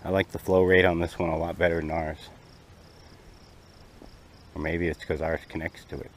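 An outdoor camping vlogger chats casually to his audience from an open, rocky lakeshore, filming with an action camera that picks up faint background noise. He has a deep voice with little pitch movement and speaks at a moderate pace.

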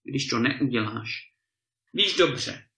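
A greedy, ill-tempered landowner from a storybook, stern and threatening, voiced by a man reading the tale. The voice is gravelly and bright. It is recorded in a room with clear echo. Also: medium pitch, lively intonation. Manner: stern, threatening, bursts of anger. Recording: echoey room.

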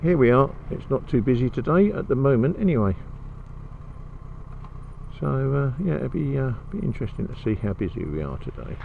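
A man's voice: mid-range voice, very animated, normal speed, gravelly. A British man chatting casually as he vlogs from a motorbike, his voice enclosed inside a helmet. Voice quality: muffled, enclosed sound from talking inside a helmet. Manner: chatty, colloquial. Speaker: motorcycle vlogger. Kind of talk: casual vlog chat while riding. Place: outdoors, riding a motorbike on country roads. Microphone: microphone inside the helmet. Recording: muffled helmet mic, loud wind and engine noise. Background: wind and vehicle noise.

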